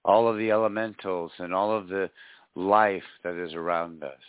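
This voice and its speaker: Deep-voiced man leading slow guided meditation. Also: steady tone, dry recording. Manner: slow, soothing, hypnotic delivery with pauses and repetition. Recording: dull lo-fi audio, music behind. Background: faint music.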